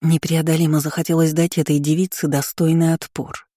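A woman with a lowish, mellow voice reads a first-person novel aloud at an even storytelling pace. The recording is close and dry, with no room sound around her. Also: brisk, no echo. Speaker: audiobook reader. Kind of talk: first-person audiobook narration.

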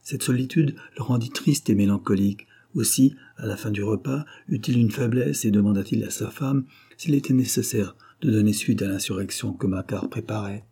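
A man reads a classic novel aloud in measured, expressive audiobook narration. His voice is low, dark and husky.

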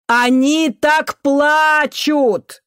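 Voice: medium pitch, big pitch swings, measured pace, dry recording, clean studio sound, voice pushed up. A reader voicing a flustered male doctor in an audiobook, raising his voice to be heard over a crowd. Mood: shouting. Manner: pleading, shouting. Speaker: hospital department head.

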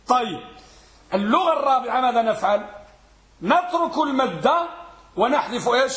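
Guy teaching grammar class, high voice, keeps quizzing students, echoey room. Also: fairly bright tone. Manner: questioning, drills students, repeats words slowly. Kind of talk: classroom lesson with questions to students.

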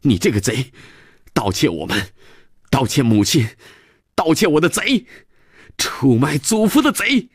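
A man voicing a young boy who shouts in fury and sobs in distress, with shrill outbursts. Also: wildly swooping pitch, extremely slow, gravelly, long pauses, slightly rough, dry recording, studio quality, heavily acted. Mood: furious. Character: young boy, angry then tearful.

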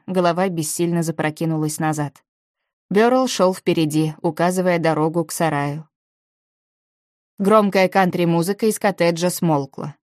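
Reading a novel written in the first person, a low-voiced woman keeps her delivery even and measured at a steady audiobook pace. The sound is intimate and dry, with no sense of a surrounding room.

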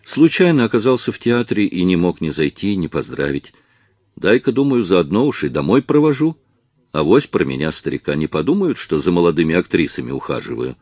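A man's voice: low-pitched, animated, moderate pace, darkish tone, dry recording. A man reading a genial middle-aged investigator. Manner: good-natured, joking, friendly.

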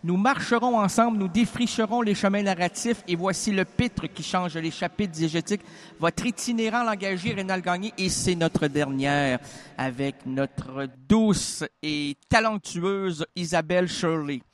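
A man's voice: sits high, unhurried. A man hosting a radio show with playful wordplay and mock-grand introductions. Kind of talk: playful scripted introduction and banter.

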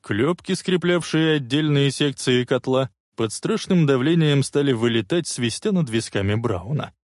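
Guy reading an action story aloud, very animated, mid pitch. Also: normal speed, dry recording, studio quality. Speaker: audiobook narrator. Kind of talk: dramatic audiobook reading.

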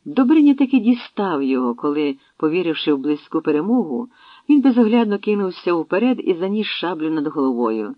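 A male narrator reads a battle-filled historical tale with dramatic pacing, his voice sitting slightly high for a man. The recording is dull and lo-fi, very dry, with no room sound. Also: very animated, fairly quick, no echo. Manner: dramatic storytelling. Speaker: audiobook narrator. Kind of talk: scripted narration.

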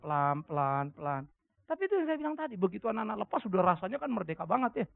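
A middle-aged male pastor delivers a sermon in a high-pitched, gravelly voice. He tells stories with lively pitch swings and acts out the other people's voices. The recording is dry and thin, like a phone line. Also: very fast. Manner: animated storytelling, acting out voices with big pitch jumps. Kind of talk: sermon with anecdotes. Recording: dry, phone-like narrow sound.

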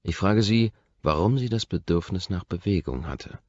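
A man narrating a first-person audiobook in a measured, softly intense manner. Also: low-pitched, lively intonation, no echo, muffled recording.

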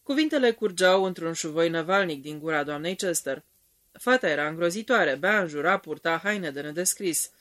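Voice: mid-range voice, expressive, a bit bright. A narrator giving a dramatic reading of a detective novel.

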